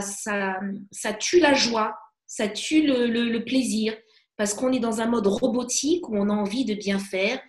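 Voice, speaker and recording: A woman guest coach talking casually and with energy, often restarting her phrases with fillers. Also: fairly high pitch. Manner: animated, many restarts and fillers. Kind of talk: casual interview talk. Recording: echoey room.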